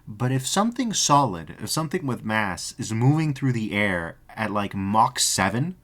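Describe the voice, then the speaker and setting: Low-voiced man reading a report aloud. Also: moderate pace. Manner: reads report text flatly, breaks off for profane jokey asides. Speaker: streamer. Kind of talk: casual stream commentary reading a report aloud.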